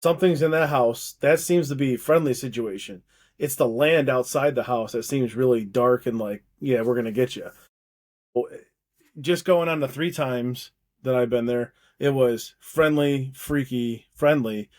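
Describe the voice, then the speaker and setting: A man's voice: medium pitch, moderate pace, darkish tone. A man co-hosting a casual podcast chat, talking in loose, rambling bursts with frequent restarts. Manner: rambling, many restarts, laughs easily. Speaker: podcast co-host.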